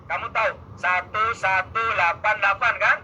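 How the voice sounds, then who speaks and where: A high, very bright man's voice, coaching students through exam math in a playful, teasing tone. The sound is slightly muffled, with a faint hiss underneath. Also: steady tone. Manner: playful, teasing, quick back-and-forth with students. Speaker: math tutor. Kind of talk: energetic exam-prep lesson.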